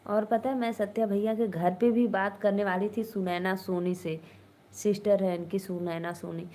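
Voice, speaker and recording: A woman's voice: medium pitch, fairly even intonation, normal speed, warm tone. Chatty woman hosting a live stream. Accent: Awadhi-tinged Hindi. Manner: chatty, reads out and answers viewer comments. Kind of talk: casual live stream chat with viewers.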